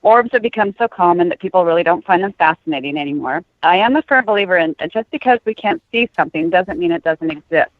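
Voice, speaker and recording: A woman's voice: on the low side, lively intonation, fast talker, hardly any pauses, no room sound. A woman author answering questions as a podcast guest over a narrow, phone-like connection. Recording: tinny narrow phone-like line.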